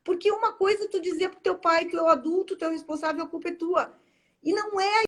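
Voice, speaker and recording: A woman, a guest on a live video chat, telling a personal story with halting, emotional speech. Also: very high-pitched. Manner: halting, tearful at moments, many fillers. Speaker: guest, lawyer and constellation practitioner.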